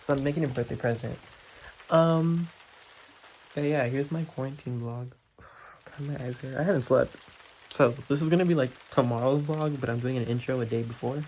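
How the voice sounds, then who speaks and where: A young man vlogging in his kitchen, talking casually into a camera mic in a flat, monotone way and swearing freely. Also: mid-range voice, normal speed, pauses often, slight background noise. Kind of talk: casual chat. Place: home kitchen, indoors.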